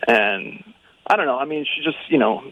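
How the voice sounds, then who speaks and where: A man's voice: medium pitch, animated, moderate pace, fairly bright tone. A man talking casually over a phone line on speakerphone, hesitant and full of fillers. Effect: heard over a phone line on speakerphone. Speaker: radio show call recipient.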